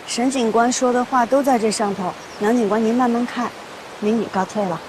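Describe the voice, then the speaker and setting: A woman's voice: fairly high pitch, steady tone, fairly quick, background noise, lightly acted. An actress in a costume drama playing a shrewd, polite young merchant woman with deferential, artful phrasing. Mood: deferential, coaxing. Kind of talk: Chinese costume television drama acting.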